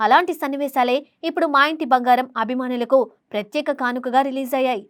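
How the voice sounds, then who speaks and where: Female entertainment news narrator, high register, fast formal read of scripted copy. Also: steady tone, smooth, dry recording, studio quality. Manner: formal reading delivery.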